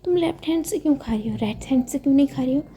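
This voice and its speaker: A woman voicing a nosy young woman friend who teases quickly and playfully. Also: sits high, mellow, close to an everyday voice. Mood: curious.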